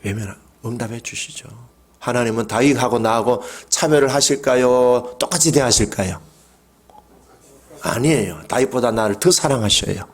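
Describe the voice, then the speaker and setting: Preaching at a moderate pace in a medium-pitched voice, a middle-aged male pastor gives his Sunday sermon. Calm talk gives way to loud, fervent cries, and he draws the congregation into call-and-response.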